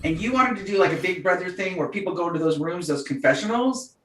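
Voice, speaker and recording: A woman's voice: on the low side, fast talker, slight background noise. A woman co-hosting a podcast, chatting casually and telling a story with frequent laughter. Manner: animated storyteller, laughs often. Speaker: podcast co-host. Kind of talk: casual chat. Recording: roomy, distant mic.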